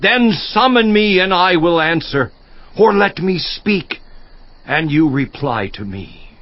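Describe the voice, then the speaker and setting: Pleading and resolute, a high, animated voice slowly voices an anguished righteous man insisting he is innocent in a dramatized scripture monologue. The delivery swings from impassioned declamation to hushed intensity, and the recording is muffled.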